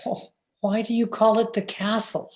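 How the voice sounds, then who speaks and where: A woman playing Edgar, a gentle, devoted husband, with a soft, solicitous manner in an old-time radio drama. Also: fairly high pitch, little pitch movement, normal speed, close to an everyday voice. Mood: tender, concerned. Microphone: recorded remotely over video call.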